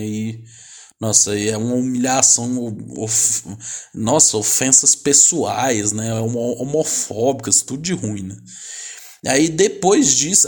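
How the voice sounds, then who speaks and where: A man's voice: medium pitch, darkish tone. Chatty Brazilian man retelling a film. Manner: chatty, slangy, constant tag questions. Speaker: film recapper.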